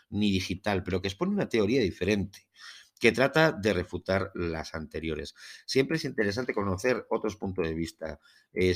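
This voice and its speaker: Very deep-voiced man with a Spain Spanish accent. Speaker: podcast host. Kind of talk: podcast monologue on a UFO case, part scripted narration.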